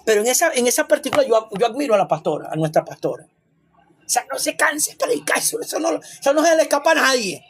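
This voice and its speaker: Man, pastor, emphatic sermon, husky voice. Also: very high-pitched, big pitch swings, fast talker. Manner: emphatic and repetitive, with rhetorical questions and asides.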